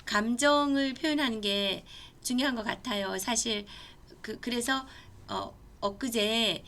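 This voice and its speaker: A woman's voice: on the high side, a little slow, fairly bright tone, a little hiss or hum. A middle-aged woman with a Gangwon accent, giving a college lecture in an earnest, conversational way and sharing personal stories. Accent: Gangwon Korean. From Gangneung, Korea. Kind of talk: online class lecture.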